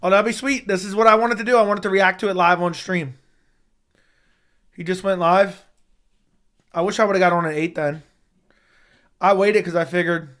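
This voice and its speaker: Losing his voice, this young man who runs an MMA YouTube channel addresses his livestream audience in a raspy tone that sits a bit above the typical male range. He reacts live to news as he reads it, swearing freely and swinging from gripes to excitement in a heartbeat. The setup sounds like a relaxed home stream on a desk microphone.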